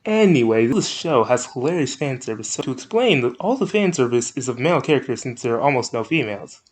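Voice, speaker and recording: A man's voice: medium pitch, brisk. Chatty guy reviewing anime, goes up and down a lot, rambles and trips over words. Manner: rambling, self-correcting, jokey; animated, up-and-down delivery. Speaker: anime reviewer, channel host. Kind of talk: casual video commentary.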